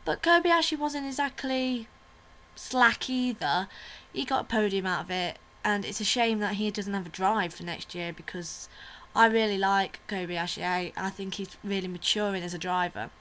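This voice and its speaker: A bright, forward-sounding woman talks to camera as the host of her own review vlog. She is chatty and opinionated, with plenty of fillers and asides. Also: mid-range voice, moderate pace. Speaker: vlogger host. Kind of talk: casual video review chat.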